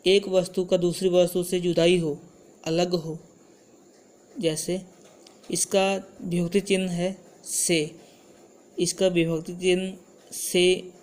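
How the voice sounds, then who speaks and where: A man teaching a grammar lesson, talking slowly and repeating each example. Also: on the high side.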